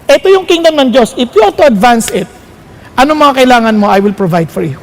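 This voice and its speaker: Animated Filipino preacher man, very high voice. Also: fairly quick, slight background noise. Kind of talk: sermon.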